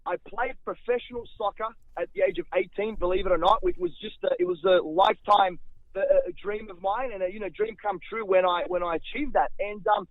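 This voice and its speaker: A young Australian man, a real estate investor, talking with lively energy and lots of slang in a casual interview over the phone. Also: sits high, fairly quick, no echo. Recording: tinny phone line.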